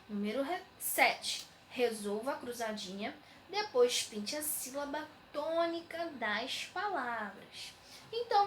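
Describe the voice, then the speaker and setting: A woman's voice: sits high, sharp tone, slight background noise. A woman teacher, patiently explaining textbook exercises to young students, often saying "né". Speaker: schoolteacher. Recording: echoey room.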